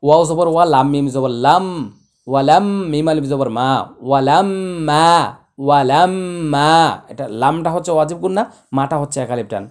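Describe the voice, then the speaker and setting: A man teaching Quran recitation, spelling out letters slowly and then chanting the words in long, drawn-out tones. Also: fairly high pitch, darkish tone. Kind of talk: tajweed lesson.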